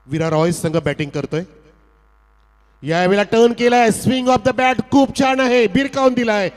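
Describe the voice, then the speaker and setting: A man's voice: very high voice, normal speed. A male cricket commentator speaking over a PA system at an outdoor ground, with a formal, flowery announcer delivery that rises sharply on big shots. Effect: heard over a PA system. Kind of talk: live local cricket commentary. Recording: long echo from a loudspeaker PA.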